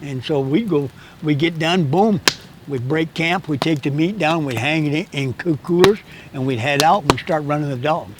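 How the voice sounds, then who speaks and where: A man's voice: on the high side, normal speed, background noise. A man in his eighties telling hunting stories outdoors in a canyon, rambling and often stammering and repeating his words. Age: 80s. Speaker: interviewed guest, hunting guide. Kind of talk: casual storytelling chat.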